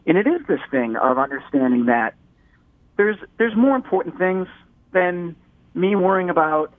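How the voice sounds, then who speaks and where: With a high voice and lively intonation at a moderate pace, a man from the Detroit area rambles casually as an interview guest, frequently restarting and repeating himself. The phone line sounds tinny.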